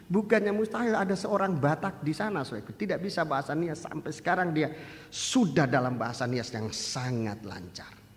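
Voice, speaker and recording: An older male pastor delivers a sermon in a loose, conversational way, often asking the congregation direct questions. He drops to quiet asides, then climbs to loud, rising exhortations. His voice sits fairly high and rings with the long reverb of a church hall. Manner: loose, conversational preaching with direct appeals to listeners.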